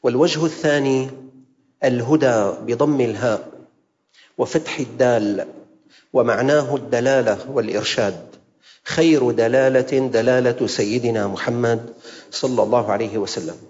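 A man's voice: medium pitch, a little mellow. Man preaching a Friday sermon in a reverberant mosque. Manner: measured, slows for scripture recitation; rhetorical repetition and questions. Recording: reverberant hall, dull sound.

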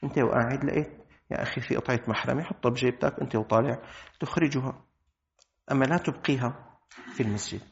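A man with a Syrian accent giving a colloquial religious lesson, lively and acting out everyday dialogues. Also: mid-range voice, quick pace, gravelly, long pauses, muffled recording. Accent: Syrian Arabic. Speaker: Islamic religious teacher.

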